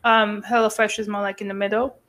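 A woman's voice: mid-range voice, little pitch movement, fairly quick, fairly bright tone. Young woman cohosting a chatty podcast, lots of um and like, kinda sick and coughy. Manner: chatty, rambling with many fillers and restarts. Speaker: podcast co-host. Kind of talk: casual chat.

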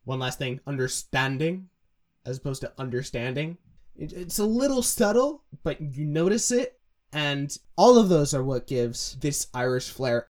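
A man's voice: a little high, sing-song, normal speed, a little mellow. A young man co-hosting a music breakdown, explaining the pronunciation of vowels and demonstrating the sounds himself. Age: young adult. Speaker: music analysis co-host. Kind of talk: casual analytical chat.

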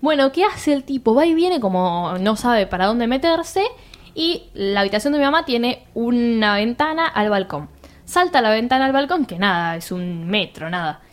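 A young woman with a Rioplatense Argentine accent, telling a chaotic story among friends. Her voice sits a little high and swings wide as she acts out each person in it, her speech full of slang and quick laughter. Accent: Rioplatense Argentine Spanish. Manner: animated, slangy, laughs often, acts out quoted lines. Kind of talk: casual chat, telling an anecdote.

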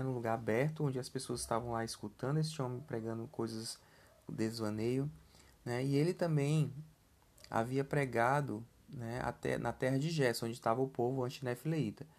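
A man's voice: mid-range voice, fairly even intonation, moderate pace. A man giving a casual scripture lesson in a conversational way, often putting questions to the listeners and adding tag questions. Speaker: scripture teacher.

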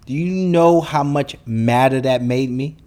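A man's voice: medium pitch, measured pace, a little mellow. Blunt New man ranting. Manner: profane, blunt, heated ranting. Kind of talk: solo podcast monologue.

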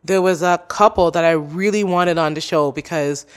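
A woman's voice: lowish voice, moderate pace, smooth. A woman who hosts a podcast, interviewed as a guest and talking in an earnest, chatty way full of "like" and "you know". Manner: chatty, many likes and you knows. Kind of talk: casual interview chat.

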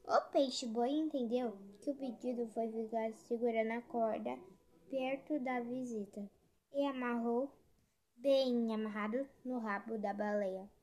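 A woman reading a folk tale aloud in a slow, simple storytelling way. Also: a little high, fairly even intonation, darkish tone.

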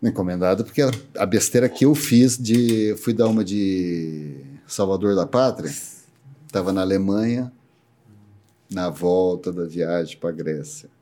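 A man's voice: low voice, measured pace. A middle-aged Brazilian man with a Brazilian Portuguese accent, chatting as a guest and telling a story with frequent laughs. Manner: animated storyteller who laughs often. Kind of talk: casual podcast chat.

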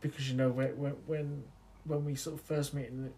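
A man co-hosting a podcast, talking in a relaxed, thoughtful and hesitant way. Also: medium pitch, fairly quick, slight background noise. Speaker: podcast co-host. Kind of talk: casual chat.

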